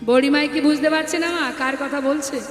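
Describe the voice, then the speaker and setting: High-voiced woman kirtan storyteller. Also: fairly even intonation, a little fast. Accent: Bengali. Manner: dramatic, addressing audience directly. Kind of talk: devotional kirtan narration. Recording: echoey hall with live music.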